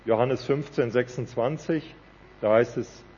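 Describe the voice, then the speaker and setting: A man's voice: medium pitch, a little slow, darkish tone, breathy edge, lo-fi sound. A man preaching a sermon in an earnest, conversational way, often checking in with a "ja?".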